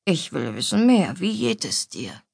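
A woman voicing a stout, older female cook who is bossy but motherly, fussing and scolding warmly. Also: on the low side, sing-song, unhurried, creaky, husky, no room sound, studio quality, exaggerated voice.

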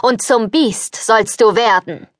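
A woman's voice: on the high side, slow pace, no echo, clean studio sound. A woman reading an audiobook, voicing an old beggar woman who turns into a stern fairy, speaking solemnly.

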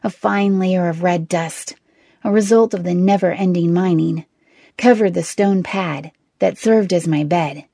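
A woman narrating an audiobook in the first person, with measured, tense storytelling. Her voice is low, dark and mellow, with a gravelly, husky grain, and the close studio sound is dry. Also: dry recording. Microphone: close studio mic.

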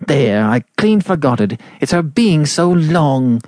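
A man voicing a brisk, no-nonsense middle-aged landlady who talks in a firm, fussy way. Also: on the high side, sing-song, a little mellow, no room sound, studio quality, pitched above the performer's own voice. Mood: fretful.

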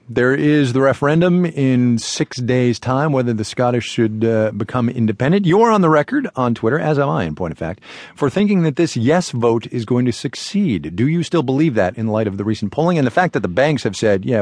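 A man's voice: medium pitch, expressive, moderate pace, dry recording. A man hosting a public radio business news show with wry, playful banter in a studio.

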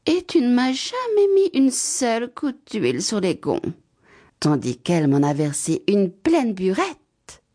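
A woman voicing a creaky, grumbling old garden gate with a complaining manner. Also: on the high side, sing-song, unhurried, warm tone, voice pushed up. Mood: aggrieved.

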